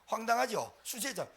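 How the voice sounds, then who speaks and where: Animated, high-voiced man preaching. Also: slight background noise. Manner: animated, emphatic repetition, colloquial storytelling. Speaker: pastor. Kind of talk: sermon at a Friday prayer meeting.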